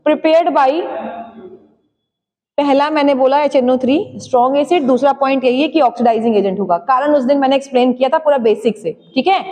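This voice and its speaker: This chemistry teacher's voice is high-pitched and a little mellow as she lectures, poses questions to the class, answers them herself and dictates notes. She pushes students to write fast and carefully spells key terms out slowly. The recording carries a long hall reverb.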